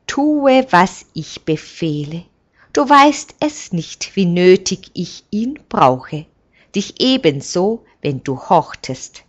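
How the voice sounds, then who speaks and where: A woman voicing an old male village elder who speaks in a firm, measured and kindly commanding way. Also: on the low side, big pitch swings, dull audio, exaggerated voice.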